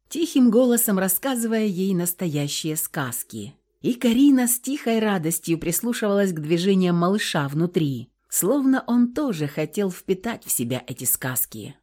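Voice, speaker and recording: A woman narrating an audiobook in an expressive, dramatic storytelling manner. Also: medium pitch.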